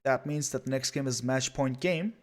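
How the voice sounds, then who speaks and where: A man's voice: mid-range voice, moderate pace. Guy casting live, rambles a lot, uh and um everywhere. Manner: chatty, rambling, frequent fillers. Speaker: esports caster. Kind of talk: live game commentary.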